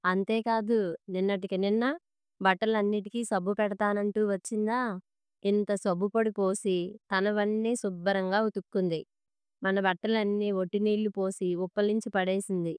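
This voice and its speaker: A sharp-tongued middle-aged wife needles and scolds with sarcasm in a spoken storybook, voiced by a woman reading the tale. Her voice is very clear and smooth. The sound is dry and close. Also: medium pitch, level tone, moderate pace, no room sound, lightly acted. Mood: scolding. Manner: sarcastic and cutting.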